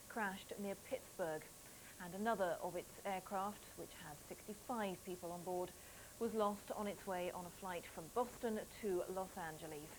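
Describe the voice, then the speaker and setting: Female British newsreader, crisp scripted bulletin, worn tape copy with a faint hiss. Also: medium pitch, low-quality recording. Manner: crisp, factual delivery of figures. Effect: worn VHS tape copy with hiss. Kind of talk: scripted news reading. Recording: hissy worn videotape copy.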